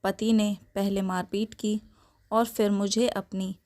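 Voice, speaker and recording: A woman narrating a sad story in the first person, in a slow, emotional telling. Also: medium pitch, flat delivery, a little mellow.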